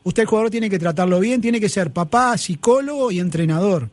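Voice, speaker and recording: Un hombre con acento argentino, comentarista deportivo en un debate acalorado; habla con énfasis, discute y repite sus argumentos. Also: male voice, sits high, fairly quick, dry recording. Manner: emphatic, argumentative, repeats his points. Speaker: sports pundit. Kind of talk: heated sports talk debate. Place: broadcast studio.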